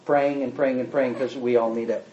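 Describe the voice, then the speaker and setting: This Bible teacher has a medium-pitched voice and a moderate pace. He keeps the class conversational and animated, acting out quotes and quizzing the room, captured in a roomy, dull lo-fi recording with slight background noise.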